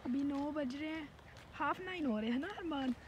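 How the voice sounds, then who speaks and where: A hoarse woman talking casually in a home vlog, explaining things as she cooks in her kitchen. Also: high voice, moderate pace, dull audio, a little hiss or hum. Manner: whispering hoarsely at first; chatty, cooking while explaining. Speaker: vlogger.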